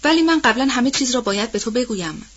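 Give me a woman voicing a desperate young wife, high and pleading, on a muffled audiobook track. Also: lively intonation, fairly bright tone, slightly rough. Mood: earnest pleading. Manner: raised, urgent, pleading pitch. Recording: dull, muffled audiobook recording.

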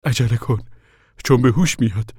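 A man voicing a stubborn male preacher who gives urgent commands in a husky voice. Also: medium pitch, a little mellow, no room sound, studio quality, pitched above the performer's own voice.

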